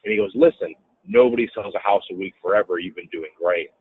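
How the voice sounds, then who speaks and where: Heard through thin, phone-like audio with slight background noise, a guest who works as a real estate businessman speaks fast in a low voice. He's animated as he tells a story in a casual interview, raising his voice to act out others' lines.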